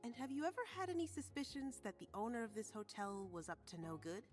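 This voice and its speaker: Polite young marshal. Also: female voice, a little high, sing-song, fast, darkish tone, soft background music. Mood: earnest. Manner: polite, a little hesitant. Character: earnest young woman marshal investigating.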